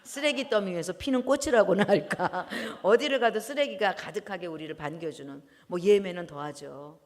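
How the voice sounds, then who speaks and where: A woman preaching a sermon in a church, animated, often laughing and breaking into loud exclamations. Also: lowish voice, normal speed. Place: church hall. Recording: long church hall reverb.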